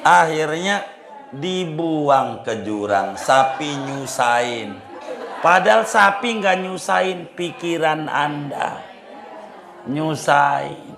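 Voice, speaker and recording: A man with a Betawi Jakarta accent preaching a storytelling sermon, joking and chuckling, swinging between loud and hushed. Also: fairly high pitch, expressive, slow, gravelly, crowd noise, background noise. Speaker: Islamic preacher. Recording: roomy echo.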